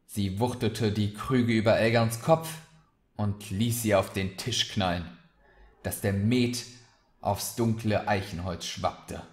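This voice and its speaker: A man reading a fantasy short story aloud, slow and deliberate. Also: on the low side, fairly even intonation. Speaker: reader of short stories. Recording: roomy echoey recording.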